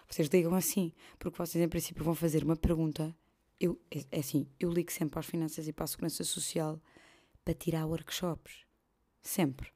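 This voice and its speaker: A young woman from Portugal with a European Portuguese accent tells stories on her podcast in a loose, comic monologue. She swears freely, her pitch leaps around, and she slips into whispers for asides. Her voice sits a little low for a woman. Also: a little mellow. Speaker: podcast host. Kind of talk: casual comedic monologue.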